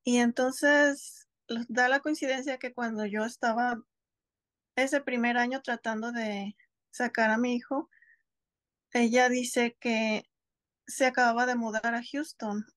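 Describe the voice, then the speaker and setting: Her voice is fairly high with fairly even intonation, a little slow and a bit bright, with no room sound. She's a Mexican homeschooling mother in her thirties on a video call from her couch at home, giving a casual interview in a thoughtful, hesitant manner and often restarting her words.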